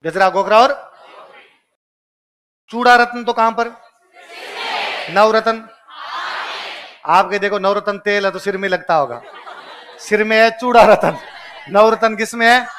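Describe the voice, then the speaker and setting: High, bright-voiced Rajasthani male teacher. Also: a faint crowd, slight background noise. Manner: quizzing a class with rapid repetition and call-and-response lists. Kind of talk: exam coaching lecture.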